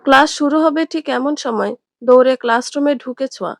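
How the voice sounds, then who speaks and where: A woman storyteller reading a dramatic story aloud in a steady narrating voice. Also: sits high, moderate pace, gravelly, no echo, clean studio sound.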